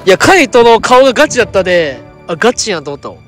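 A man's voice: sits high, sing-song, rapid-fire, fairly bright tone, faint music behind. A young man co-hosting a fishing vlog outdoors, teasing and bantering with his friends. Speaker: channel co-host. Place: outdoors on a riverbank.

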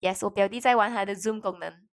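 A woman's voice: mid-range voice, fairly even intonation, a little fast. A young woman doing a casual, rambling and playful vlog voice-over, mixing in English words. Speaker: video creator.

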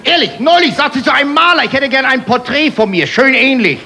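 A man from Hamburg with a Hamburg accent doing rapid-fire stand-up jokes on stage, punchy one-liners, keeps calling the crowd "friends". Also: very high voice, creaky, bright, forceful tone. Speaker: stand-up comedian. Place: live stage before a laughing audience. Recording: TV show stage recording with crowd noise.

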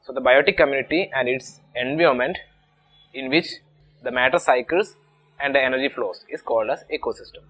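A man's voice: mid-range voice, a little fast, a bit bright, a little hiss or hum, poor audio. A man with an Indian English accent teaching an exam-prep lesson, explaining patiently and restating each point step by step. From Kerala, India. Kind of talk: explanatory lecture.

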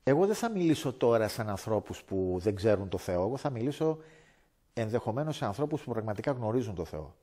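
A man from Greece giving a personal faith testimony as a guest speaker, animated and acting out conversations. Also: on the low side. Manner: animated, acts out dialogue in voices.

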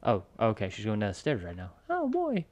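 A man co-hosting a let's play, excitably directing his friend's gameplay and laughing often. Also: lowish voice, very fast, no room sound. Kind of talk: casual gaming commentary.

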